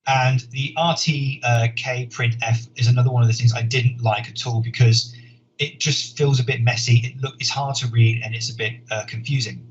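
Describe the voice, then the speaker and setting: A man's voice: mid-range voice, fairly even intonation, moderate pace. Man with an earnest, explaining manner. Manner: earnest, explanatory, repeats words while thinking. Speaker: software engineer. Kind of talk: conference talk. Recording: dull lo-fi sound with faint noise.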